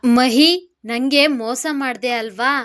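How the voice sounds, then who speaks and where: A jealous young wife who fakes her tears, voiced by a woman narrator. Her high voice pleads shrilly and theatrically, like a storybook melodrama. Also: slow pace, fairly bright tone. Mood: melodramatic.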